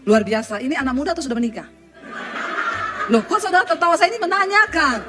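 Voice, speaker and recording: A woman pastor with a high voice preaches before her congregation. She tells a story from her own life, laughs often and keeps turning to her listeners to ask them questions. Faint music plays behind her. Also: fast. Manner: joking and laughing, often addressing the congregation directly. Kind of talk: sermon with personal storytelling. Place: church before a live congregation.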